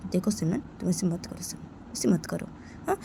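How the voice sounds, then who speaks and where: A woman voicing a gentle young woman who soothes her partner in a soft, coaxing voice that drops near a whisper, in a homemade storytelling video. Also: on the low side, animated, moderate pace, gravelly, a little hiss or hum. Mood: pleading.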